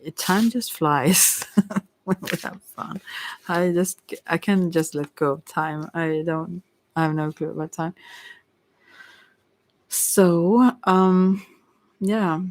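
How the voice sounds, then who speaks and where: This tarot reader hosts an ASMR livestream, giving relaxed, softly encouraging spiritual guidance while she rambles, hesitates, and frequently lets thoughts trail away. The voice is mid-range, and she takes her time with frequent pauses.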